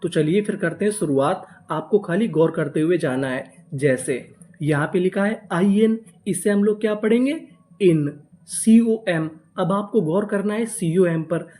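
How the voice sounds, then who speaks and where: Warm, patient teacher's voice for a phonics lesson: spells each word out, sounds it out slowly, then drills it with call-and-response questions. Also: mid-range voice. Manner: spells words out letter by letter, then drills them with repeated questions; slow and deliberate on sounded-out words. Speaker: English reading teacher.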